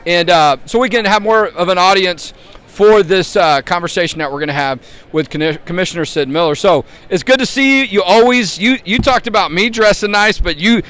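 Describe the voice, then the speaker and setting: A man's voice: high-pitched, lively intonation, brisk, a bit bright. A man hosting a casual live interview in a chatty, rambling manner. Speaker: host, advocacy group president. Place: convention floor.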